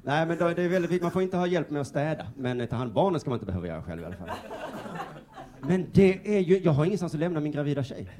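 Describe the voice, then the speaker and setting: A man's voice: a little high, big pitch swings. A young man from Sweden doing stand-up comedy, laid-back and chatty, often laughing through his lines. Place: comedy stage before a crowd. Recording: live club with loud audience.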